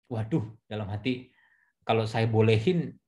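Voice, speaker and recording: A man's voice: on the low side, unhurried, warm tone. A man, a pastor and counselor, talking casually on a church talk show and telling a counseling story with many fillers.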